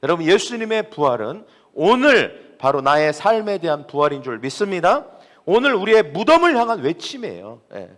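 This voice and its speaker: A man's voice: sits high, big pitch swings, normal speed, a bit bright. A man pastor preaching a sermon in a church, acting out voices and calling for responses from the congregation. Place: church sanctuary. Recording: long reverb of a church hall.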